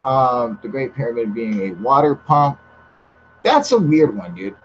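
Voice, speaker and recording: A man running a laid-back UFO live stream reads messages from viewers at a measured pace, his voice mid-range. He curses freely, gets excited, and laughs frequently. He's outdoors in humid air, and the audio is a bit dull with a faint hiss.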